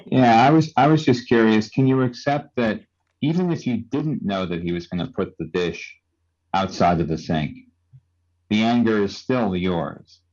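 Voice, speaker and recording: A man's voice: lowish voice, normal speed, a little mellow. A man in the congregation asking thoughtful, probing questions. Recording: dull lo-fi sound.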